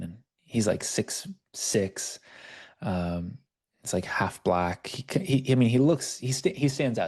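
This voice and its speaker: Male life coach, low gravelly voice, relaxed storytelling delivery, video-call audio. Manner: conversational, storytelling. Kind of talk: online workshop teaching.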